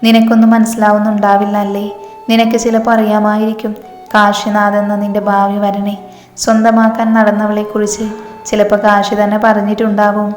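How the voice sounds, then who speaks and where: A woman voicing a remorseful young woman held captive, speaking softly and apologetically. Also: mid-range voice, monotone, fairly quick, lightly acted. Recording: echoey reverb with background music.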